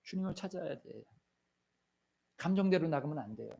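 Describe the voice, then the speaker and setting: A man preaching a sermon as pastor in a church, swinging between loud calls and hushed, near-whispered lines, and acting out short prayers and scenes. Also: a little high, lively intonation, fairly quick, vocal fry, husky.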